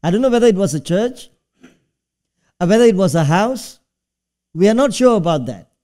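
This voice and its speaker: Speaking from the church stage, this middle-aged pastor from Singapore has a high, animated voice with a dark tone and a moderate pace. He preaches conversationally, asking his listeners questions.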